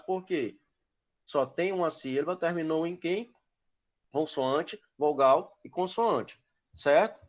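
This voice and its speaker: A man's voice: sits high, lo-fi sound. A man, teaching an online English class and explaining grammar rules patiently. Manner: patient, keeps checking in with "tá?".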